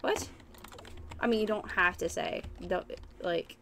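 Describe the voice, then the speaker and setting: A woman's voice: on the low side, a little slow, creaky, fairly bright tone, slight background noise. A woman in her late twenties chatting casually with viewers and a friend while streaming a game, giggly and easily surprised. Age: 20s. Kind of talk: casual gaming stream chat.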